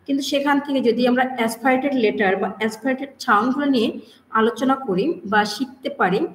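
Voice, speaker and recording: A woman teaches a spoken lesson in a high, light voice. She says each word and then repeats it slowly so students can copy it, writing as she goes. The sound has a roomy echo. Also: a little hiss or hum. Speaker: English teacher.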